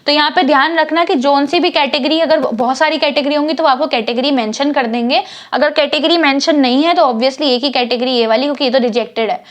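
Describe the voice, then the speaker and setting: A woman with a Hindi-speaking North Indian accent teaches an accountancy class. Her voice sits high, and she walks through each step, often pausing to check that students are with her. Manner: explains step by step with frequent checks like "theek hai"; acts out short scolding asides to shareholders. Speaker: commerce teacher. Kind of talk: classroom lesson.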